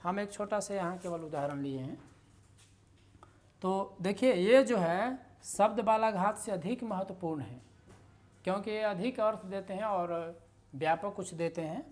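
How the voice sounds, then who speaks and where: A woman's voice: medium pitch, darkish tone. Woman teaching a grammar lesson. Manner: explains slowly, stresses words in examples; self-correcting, conversational asides.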